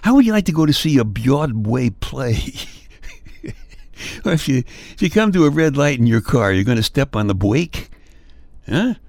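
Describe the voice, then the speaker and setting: An older man gently tucking the listener in at bedtime, soothing them toward sleep as a podcast host signing off. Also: mid-range voice, big pitch swings, moderate pace, no echo. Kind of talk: soft bedtime sign-off.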